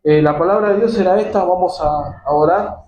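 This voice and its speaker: A man's voice: sits high, a little fast, a little mellow, muffled recording. A man with an Argentine Spanish accent preaching a sermon and leading a fervent prayer in which he repeats "Lord" in nearly every phrase. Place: church hall. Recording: echoey church hall with music. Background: music.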